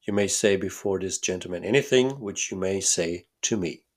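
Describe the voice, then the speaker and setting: A languid, sharp-minded detective speaks with dry, understated calm, as a man reads him. The voice sits low and slightly husky. He never rises much above the level of the narration. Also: normal speed.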